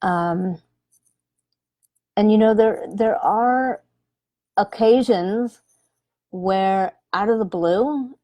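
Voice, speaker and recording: A woman in her forties, a medium on a live stream, speaking gently with many pauses and ums. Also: medium pitch, dry recording. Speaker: animal communicator and medium. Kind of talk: live-stream chat with viewers. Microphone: webcam or phone livestream.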